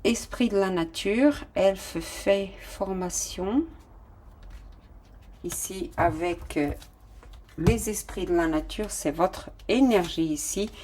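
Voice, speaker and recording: A woman's voice: mid-range voice, takes it slowly, darkish tone, a little hiss or hum. A woman giving a casual tarot reading, affectionate and full of fillers as she talks to her listeners. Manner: affectionate, calls listeners "my loves", many fillers. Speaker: tarot reader.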